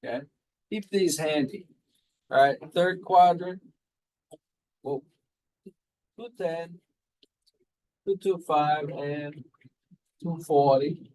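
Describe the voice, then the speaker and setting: Male math teacher, classroom lecture, slow delivery, slightly high voice, casual and repetitive. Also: warm tone, poor audio. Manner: casual, quizzing the class with repeated prompts.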